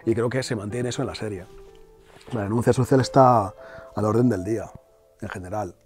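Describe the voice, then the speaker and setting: A man in his forties, born in Equatorial Guinea and raised in Madrid, answering interview questions as an actor in a lively way, often restarting phrases and tagging remarks with a questioning "no?". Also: on the low side, fairly quick, faint music behind. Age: 40s.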